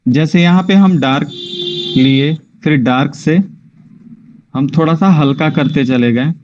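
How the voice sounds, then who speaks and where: Male art teacher, slightly high voice, patient and explanatory, muffled online-class sound. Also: unhurried, darkish tone, a little hiss or hum. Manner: patient, checks often that students follow. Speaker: drawing teacher.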